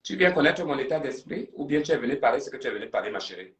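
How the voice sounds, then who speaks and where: A man's voice: medium pitch, animated, racing, a bit bright. A man hosting a live stream and taking callers, talking in a theatrical, confrontational way. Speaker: livestream host. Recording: roomy sound, distant from mic.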